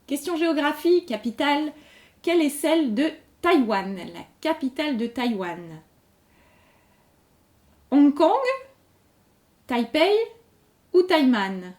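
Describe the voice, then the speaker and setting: A quiz host reads general-knowledge questions aloud slowly and clearly, saying each one twice and patiently explaining the answer. Her high, darkish voice is very animated, and she speaks slowly with frequent pauses.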